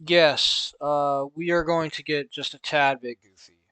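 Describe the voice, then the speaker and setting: A man's voice: fairly high pitch, fairly even intonation, measured pace, sharp tone, smooth, no echo. A man with a Southern US accent talking through logic notation in a casual, thinking-aloud tutorial with chuckling asides. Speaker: math logic streamer. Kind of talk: casual screen-recorded tutorial.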